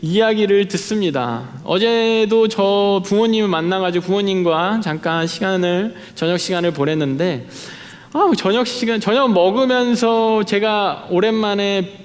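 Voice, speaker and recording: A man in his late thirties preaches to young adults in a loose, chatty way, stopping and restarting often and poking fun at himself. His voice sits high for a man, and a long reverb trails behind him in a church hall. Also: unhurried. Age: late 30s. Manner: chatty and self-deprecating, many fillers and restarts. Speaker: youth pastor. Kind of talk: conversational sermon. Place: church sanctuary.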